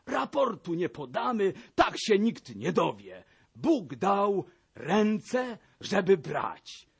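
An actor playing a sly old Russian army captain who coaxes and wheedles in a folksy way in a radio drama. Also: male voice, sits high, sing-song, slow, gravelly, breathy edge, full character voice. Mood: wheedling. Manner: coaxing, folksy, full of proverbs.

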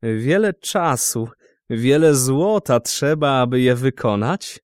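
A man voicing a stern, commanding sultan in an audiobook reading, hard and measured. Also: mid-range voice, animated, no echo, clean studio sound.

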